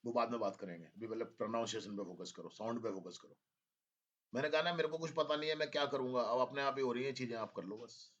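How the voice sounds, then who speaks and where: A man's voice: medium pitch, fast. A man teaching an English spelling dictation to a class. He spells words out letter by letter and teases the students a little. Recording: dull lo-fi classroom recording.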